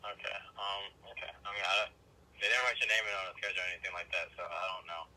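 A man's voice: lowish voice, fairly even intonation, fast talker, bright, forceful tone. A man working at a restaurant, in a casual phone conversation heard through a phone's speaker. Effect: telephone speaker. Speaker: restaurant worker answering a call. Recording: noisy phone call played over speakerphone.

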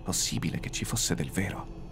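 A man with a very low voice narrates a horror audiobook. His reading is suspenseful and dramatic, and his pitch swings widely. Faint music plays quietly behind him. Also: lively intonation, normal speed, gravelly. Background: faint background music.

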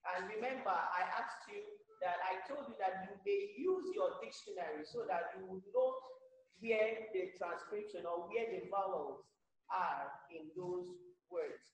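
Slow-speaking Nigerian woman teacher, echoey. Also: medium pitch. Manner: slow, deliberate, repeats key phrases. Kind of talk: recorded class lesson. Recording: very echoey room.

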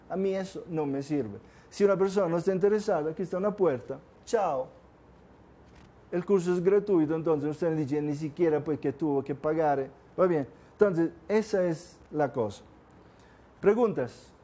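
A man's voice: on the high side, moderate pace, warm tone. An older man from southern Italy, a native Italian speaker, gives an informal seminar talk to a class and keeps asking the room questions. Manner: conversational, asks the room questions often. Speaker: course speaker.

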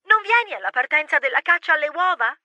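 A man voicing a gushing, lovestruck female mouse with a theatrical, swooping high voice. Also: very animated, fast talker, pushed and bright, no echo, heavily acted.

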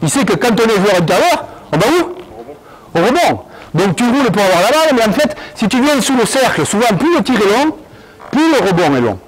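Animated man coaching on court. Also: high voice, normal speed, poor audio. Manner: animated, commanding, calls out drills. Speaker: basketball coach. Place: indoor gym.

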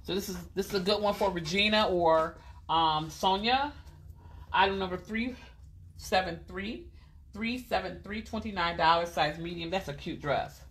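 A woman's voice: lowish voice, moderate pace, a bit bright. A woman hosting a casual live clothing sale from a boutique, chatty and repeating item numbers and prices. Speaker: host selling clothes on a live stream.

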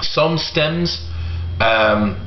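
A middle-aged man giving a casual product review to camera in a halting way, pausing often. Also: a little high, lively intonation. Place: home kitchen, indoors. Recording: roomy echo, dull sound, faint noise.

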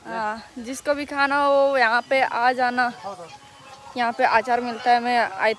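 A young adult travel vlogger speaks into a phone held at arm's length while standing on a rainy hillside, chatting straight to her audience. Her voice is a little high, bright and steady, and somewhat slow, with faint music behind her.

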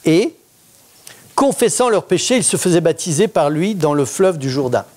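High-voiced man preaching to his church. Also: normal speed. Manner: interactive, asks the congregation questions; lively, conversational preaching. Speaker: pastor. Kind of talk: sermon.

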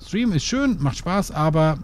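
A man's voice: fairly high pitch, sing-song, unhurried. A man hosting a horror game let's play, chatting playfully and rambling to his viewers and chat. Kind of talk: casual gameplay commentary.

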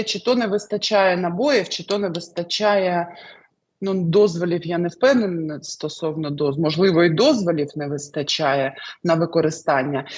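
Woman tarot reader, husky tone, halting delivery with fillers, answering an interviewer. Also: on the low side. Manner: hesitant, many fillers, lively rises. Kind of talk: interview answers, fortune-telling.

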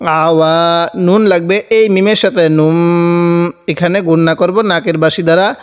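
A man's voice: sits high, smooth, big-room sound. A man teaching Quran reading, spelling out words letter by letter and drawing out the syllables as he recites.

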